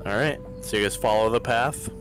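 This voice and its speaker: A man's voice: medium pitch, fairly quick, fairly bright tone, soft background music. A man narrating a tabletop fantasy game as game master, in an informal spoken style.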